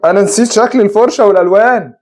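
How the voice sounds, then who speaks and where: Brief: weary young Egyptian man, wry half-laugh, a touch higher pitch, read by a male narrator. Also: rapid-fire, darkish tone, lightly acted. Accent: Egyptian Arabic. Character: frustrated young man, weary but hopeful.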